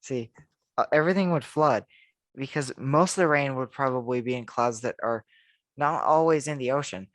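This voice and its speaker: Male podcast co-host, mid-pitch, rambling and chatty, dry close mic. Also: moderate pace, a bit bright, no echo. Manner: rambling, thinks aloud with restarts. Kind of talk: casual chat.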